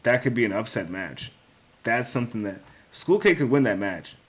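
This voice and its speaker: A man's voice: medium pitch, animated, moderate pace. A young man hosting a casual solo talk on sports picks, thinking aloud, correcting himself and swearing now and then. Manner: casual, swears, says bro and dude. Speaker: sports betting picks host.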